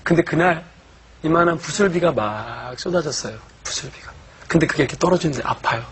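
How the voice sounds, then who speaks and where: A man, a church deacon, telling his personal faith testimony in an earnest, emotional way, going from hushed to loud. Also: fairly high pitch, lively intonation, brisk, a little hiss or hum, poor audio.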